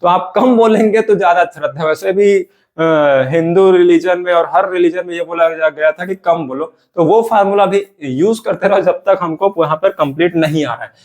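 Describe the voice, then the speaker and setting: A man's voice: sits high, normal speed, a little mellow. A man teaching English grammar, drilling example sentences over and over. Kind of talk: classroom grammar lesson.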